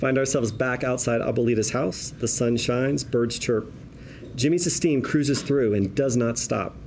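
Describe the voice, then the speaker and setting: A mid-range, gravelly voice with a darkish tone reads the action lines at a table read, going a little slowly. There's background chatter in the room, and his narration comes across as vivid and wry.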